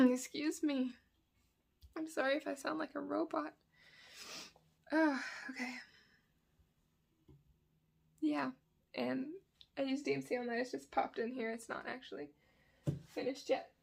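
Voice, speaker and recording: Her voice sits high and level, creaky and measured, with frequent pauses. At home in a sunny spot, a woman with a dry throat rambles casually while showing off her cross-stitch projects, chatty and correcting herself as she goes.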